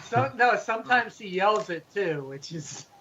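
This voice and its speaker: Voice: medium pitch, lively intonation, measured pace, dull audio, a crowd in the background. A co-host chatting casually on a radio show, stammering and laughing often.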